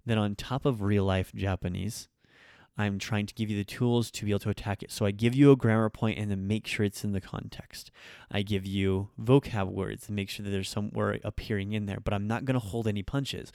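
The recording is studio quality with no room sound: a low, darkish male voice with vocal fry, brisk and fairly even in intonation. A native English speaker, he hosts a podcast and teaches languages, airing frank, opinionated views on teaching in an unscripted monologue riddled with ums and restarts.

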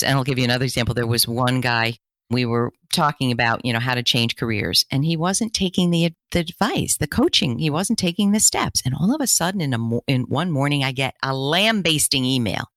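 Career coach lady, middle-aged, chatty and animated, dry close mic. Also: a bass voice, no echo. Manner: animated storytelling, quick bursts. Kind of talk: casual interview chat.

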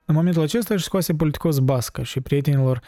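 A man narrating a novel aloud in a measured, expressive reading. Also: fairly high pitch, no room sound, studio quality, faint music behind.

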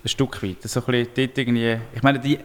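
A man's voice: mid-range voice, flat delivery, rapid-fire. A man with a Swiss German accent, hosting a casual chat, reflective and hesitant as he searches for words. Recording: reverberant room.

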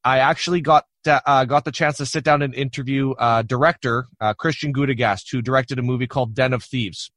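A man's voice: medium pitch, fairly even intonation, a little fast, few pauses, fairly bright tone, no room sound, studio quality. A man hosting a podcast in a casual, conversational interview style. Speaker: podcast host.

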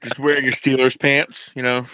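A man's voice: mid-range voice, flat delivery, moderate pace, sharp tone, dry recording, low-quality recording. A man speaking casually as a panelist on a podcast. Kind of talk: casual chat.

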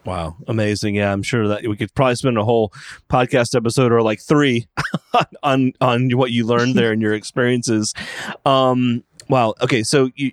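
A man's voice: medium pitch, dry recording. A man hosting a podcast interview, bubbly and jokey, with a close, dry microphone sound. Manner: bubbly, jokey, repeats catchphrases. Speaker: podcast host.

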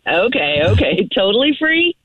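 A woman talking on the phone, chatty and quick to laugh, turning flustered and apologetic. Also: medium pitch, sing-song, no echo. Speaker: caller on a radio prank. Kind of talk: phone conversation. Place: at work. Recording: tinny phone line.

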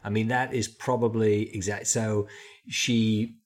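A man's voice: on the low side, level tone, a little slow. A man with a Manchester accent chatting casually about music, joking and teasing and laughing often. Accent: Mancunian English. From England.

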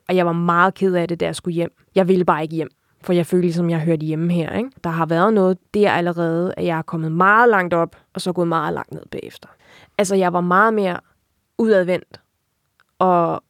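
A woman's voice: lowish voice, no echo, clean studio sound. A young adult woman giving a candid, reflective personal account in an interview, with frequent filler tags.

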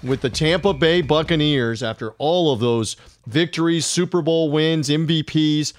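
Upbeat higher-voiced male podcast host. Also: normal speed, slight background noise. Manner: smooth broadcaster delivery with occasional fillers. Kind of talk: solo podcast monologue.

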